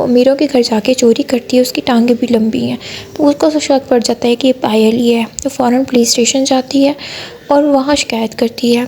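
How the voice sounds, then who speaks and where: A woman's voice: high voice, mellow. A woman narrating a cartoon bedtime story, reading steadily with small slips and restarts.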